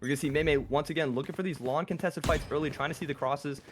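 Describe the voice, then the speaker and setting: A man casting a live online shooter tournament, excitable and gasping at big plays. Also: a little high, fast talker. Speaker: esports caster. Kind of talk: live game commentary. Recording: noisy game audio behind.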